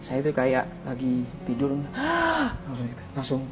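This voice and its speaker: A man, a religious teacher, recounting a near-death experience in an interview, his voice swinging between hushed and loud, pleading tones. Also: mid-range voice, level tone, brisk, over music. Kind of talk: emotional personal storytelling in an interview.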